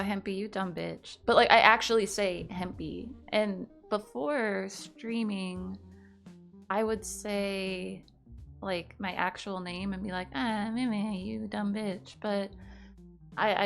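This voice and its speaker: A woman's voice: mid-range voice, creaky. A young woman streamer chatting casually with her stream chat, rambling, swearing often and laughing between thoughts.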